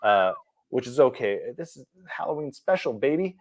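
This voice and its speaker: A man's voice: big pitch swings, normal speed. A man co-hosting a casual movie podcast, laughing often and joking about himself. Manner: laughing, self-mocking, jumps in pitch for quoted voices. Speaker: podcast co-host.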